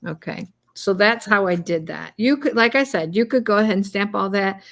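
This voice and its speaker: A woman's voice: mid-range voice, moderate pace, creaky, fairly bright tone. A woman co-hosting a cardmaking video, chatting casually and a little rambly as she demonstrates. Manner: chatty, rambling, self-deprecating. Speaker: cardmaking co-host.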